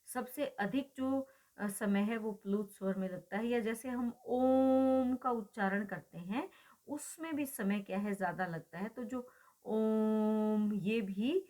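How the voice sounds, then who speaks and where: A woman's voice: a little high, measured pace, warm tone. Woman teaching with rhetorical questions. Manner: asks rhetorical questions and answers them; draws out vowel sounds as examples. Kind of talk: explanatory lecture.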